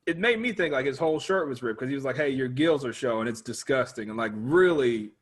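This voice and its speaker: A man in relaxed conversation who lays out a show's story point by point and drops into quoting the characters along the way. His pitch sits in the middle of the usual range for a man. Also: fairly quick, husky. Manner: explains plot step by step, quotes characters. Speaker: podcast guest. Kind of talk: casual chat recapping a TV show.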